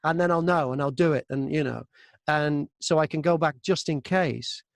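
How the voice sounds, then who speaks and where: As an interview guest, a man casually recounts stories about his work as an audiobook narrator, acting out exchanges he remembers. His voice is fairly high and creaky at a moderate pace, on a dry recording.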